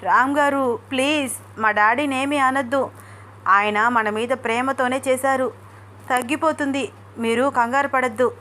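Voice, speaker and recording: A woman's voice: fairly even intonation, unhurried, a little hiss or hum. A woman voicing a young pregnant wife who is affectionate and anxious, in a pleading, raised voice. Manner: pleading, breathless, high and loud.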